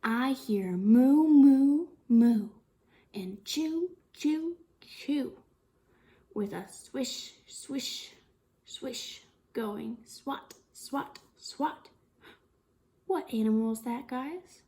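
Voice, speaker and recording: Reading a picture book aloud to young kids, this teacher and storytime host uses a warm, expressive, high voice. She goes slowly and deliberately in a sing-song way, exaggerating her expression and often pausing to ask questions.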